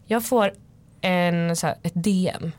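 A woman's voice: fairly low pitch, darkish tone. A young woman telling a personal story in casual chat, rambling with many fillers. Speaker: guest.

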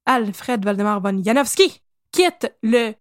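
A woman's voice: a little high, animated, slow pace, dry recording, studio quality. A woman with a Québécois accent telling a history story on a podcast in a playful, casual way, laughing and correcting herself as she goes. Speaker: podcast co-host.

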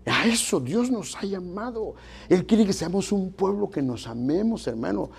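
Gravelly-voiced pastor preaching. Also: male voice, high-pitched, expressive, moderate pace. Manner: folksy, addresses congregation as brothers, mixes jokes with preaching. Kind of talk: sermon.

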